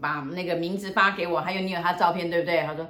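A woman fortune teller telling a story in casual chat, acting out both sides of the dialogue in a lively way. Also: lowish voice, very fast. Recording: roomy echo.

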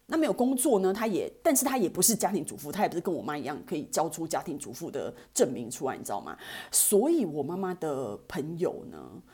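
A woman, hosting a podcast and telling a story in a chatty, animated way. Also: deep voice, fast talker, breathy edge. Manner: chatty, animated, many fillers. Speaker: podcast host. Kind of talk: casual storytelling.

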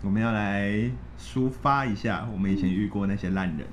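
Podcast host: young Taiwanese woman, exceptionally low lively voice, casual and teasing, slight noise behind. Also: a little fast, highs cut off. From Kaohsiung, Taiwan. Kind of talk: casual chat, hosting.

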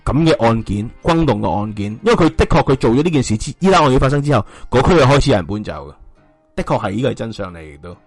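A man's voice: mid-range voice, expressive, very fast, husky, no echo, soft background music. A man with a Hong Kong Cantonese accent hosting a casual true-crime discussion, speculating colloquially and throwing out rhetorical questions. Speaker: podcast host.

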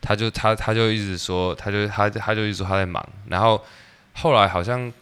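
A man's voice: on the low side, fairly even intonation, brisk, a bit bright, clear, resonant tone. A man with a Taiwanese Mandarin accent rambling through a personal story in casual chat, restarting often and swearing. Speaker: podcast co-host telling a story.

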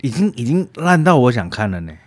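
A man's voice: mid-range voice, sing-song, fairly quick. A man co-hosting a casual chat about movies, laughing often and restarting his sentences. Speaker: podcast co-host.

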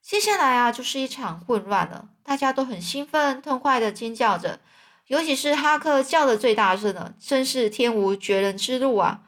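A woman's voice: on the high side, normal speed, fairly bright tone. A woman, reading a children's story aloud in a chatty way and explaining words as she goes.

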